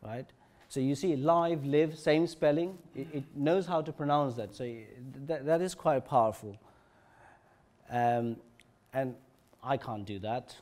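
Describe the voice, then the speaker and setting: A man giving a technical conference talk, halting, with many fillers and restarts. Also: mid-range voice, a little mellow. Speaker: conference presenter. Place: conference session room.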